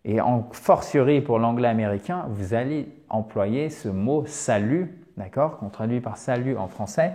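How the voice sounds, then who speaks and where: A man explains English phrases as a teacher. His pitch sits in a middling register but moves in lively swings. He talks casually, with fillers and frequent checks like "d'accord?". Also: measured pace, hardly any pauses. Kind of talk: explaining an English lesson to the camera.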